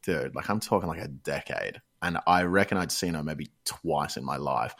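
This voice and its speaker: Deep-voiced laid-back young man. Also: moderate pace, vocal fry, a bit bright, slightly rough. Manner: laid-back, swears freely, slangy. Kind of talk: casual chat.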